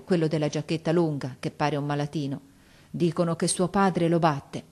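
A woman reads a classic novel aloud in a measured, expressive way, her voice sitting a little low. The narration is steady and lets each phrase land. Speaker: audiobook reader.

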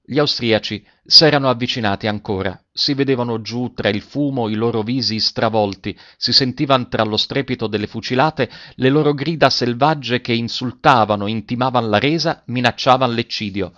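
A man narrating a classic story as an audiobook, in a measured and expressive way, in a dull lo-fi recording. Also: medium pitch, no echo.

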